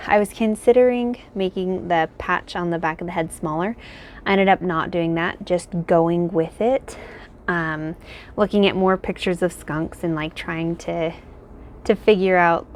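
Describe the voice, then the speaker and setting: A woman's voice: fairly low pitch, a little hiss or hum. A woman talking in a casual, rambling way, thinking aloud as she shows her crochet work. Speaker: crochet pattern designer. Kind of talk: casual chat. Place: home, indoors.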